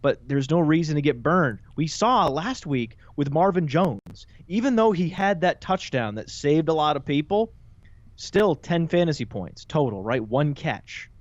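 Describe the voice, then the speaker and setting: A man's voice: on the high side, measured pace, no room sound. Playful man on a dull, dry recording. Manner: playful, joking asides, animated. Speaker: guest fantasy football analyst. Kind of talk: casual podcast discussion.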